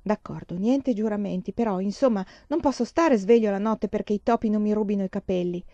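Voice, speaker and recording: Woman reading as a playful pioneer dad, warm dry voice, bit dull sound, storybook. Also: mid-range voice, fairly quick, dry recording, natural voice. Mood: sheepish. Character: cheerful joking pioneer father, grown man.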